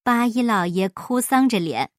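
A woman reading a children's folk story aloud in an expressive, measured way. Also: a little high, no echo, studio quality.

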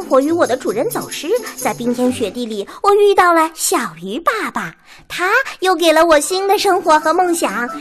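A woman voicing Harry, a cheerful, talkative young male water dog in a radio drama. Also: high-pitched. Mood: earnest. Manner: chatty, fond of snacks, dreamy.

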